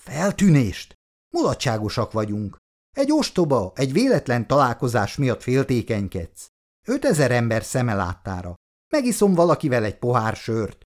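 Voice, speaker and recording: A defensive young man , as a male reader plays him, justifying himself in an injured, self-righteous tone. A storybook voice whose pitch rises and falls in lively swings.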